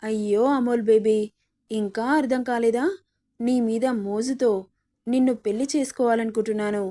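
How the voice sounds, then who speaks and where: A woman's voice: fairly high pitch, steady tone, normal speed, mellow, lightly acted. Surya, a smug possessive kidnapper, read by a woman. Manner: sneering, coaxing. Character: possessive young male kidnapper, smug and menacing.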